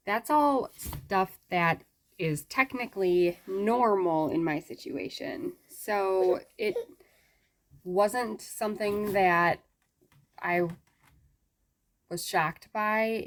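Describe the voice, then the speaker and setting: A woman talking casually to viewers in a health update, weakened after surgery, halting and searching for words with long pauses. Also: on the low side. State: weakened after surgery, struggling to form sentences. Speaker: vlogger giving a health update.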